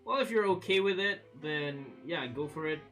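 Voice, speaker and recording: This streamer is a man in his early twenties whose voice sits on the high side, and he speaks at a moderate pace. Faint music runs in the background while he casually answers viewer comments, laughing often and leaning on fillers in a relaxed, chatty way.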